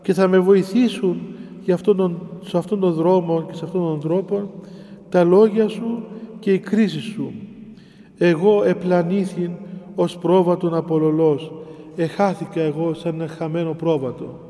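A man preaching in a hall with a long echo, his voice high yet dark and mellow. He reads a verse, then explains it phrase by phrase, circling back and repeating himself with pauses. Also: steady tone. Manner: explains scripture line by line, repeating and pausing. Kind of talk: sermon on a psalm.

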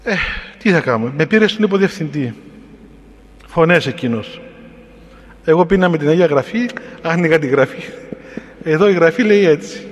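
A Cypriot-accented clergyman preaching through a personal anecdote, his voice sitting a little high for a man. He talks in an unhurried, reflective way. The sound trails off in a long hall reverb. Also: expressive. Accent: Cypriot Greek. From Cyprus. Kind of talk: sermon-style personal storytelling.

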